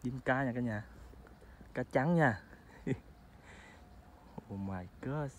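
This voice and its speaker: A man narrating a casual food vlog outdoors by a stream, chatting to his viewers as family with excited exclamations. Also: medium pitch, slow, a little hiss or hum. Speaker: food vlogger.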